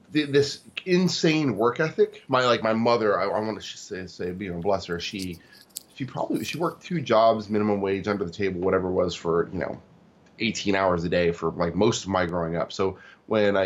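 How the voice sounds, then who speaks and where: In this lo-fi interview, the guest is a cybersecurity executive from Tacoma, Washington, US, who speaks in a low voice. His delivery is halting and full of fillers and restarts.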